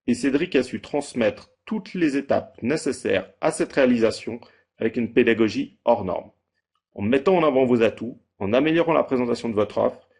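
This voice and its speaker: A man in his thirties giving a measured, read-aloud testimonial as a holiday rental owner. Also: mid-range voice, creaky, a little mellow, breathy edge. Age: 30s. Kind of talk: scripted testimonial.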